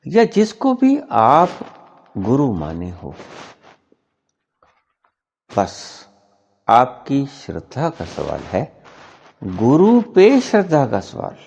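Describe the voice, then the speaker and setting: A man giving a spiritual discourse as a teacher, explaining slowly and deliberately and repeating his key points for emphasis. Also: mid-range voice, huge pitch swings, gravelly, darkish tone, husky, highs cut off. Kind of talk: spiritual discourse answering a question.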